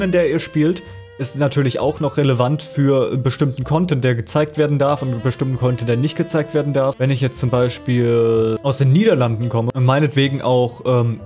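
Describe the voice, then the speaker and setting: A man talks viewers through a screen-recorded tutorial in a relaxed, chatty way, dropping fillers as he clicks along. His voice sits at an everyday middle pitch. Faint guitar music plays underneath. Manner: casual explaining with fillers, addresses viewers directly. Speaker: tutorial host.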